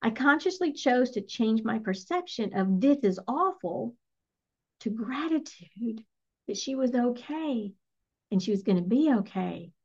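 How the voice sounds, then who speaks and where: A middle-aged woman, a spiritual energy coach, telling a personal story in an earnest, reflective, softly emotional way. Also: fairly high pitch, expressive, unhurried, breathy edge. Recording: slightly muffled lo-fi recording.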